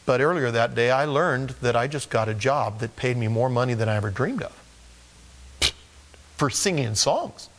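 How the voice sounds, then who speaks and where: A man preaching a sermon, telling a personal story with lively, animated delivery and playing the voices of the people in it. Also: medium pitch, moderate pace.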